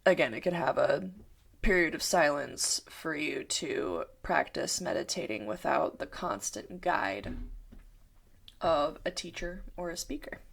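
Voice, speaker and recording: A woman meditation teacher calmly explaining guided meditation to her viewers. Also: low-pitched, vocal fry, husky. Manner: slow, calm, thoughtful explaining. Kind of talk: talking-head explainer video.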